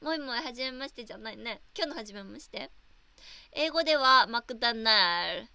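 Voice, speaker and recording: A woman's voice: on the high side, animated, a little fast, vocal fry, sharp tone, clear, resonant tone, dry recording. A young woman from Japan chatting casually on a livestream, reading viewer comments and giggling often.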